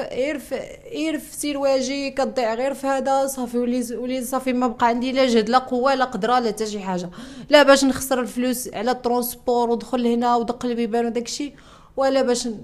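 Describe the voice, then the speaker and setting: A young woman with a Moroccan Arabic accent giving an emotional personal testimony, distressed, repeating herself and restarting her sentences. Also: high voice. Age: young adult. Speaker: interviewee.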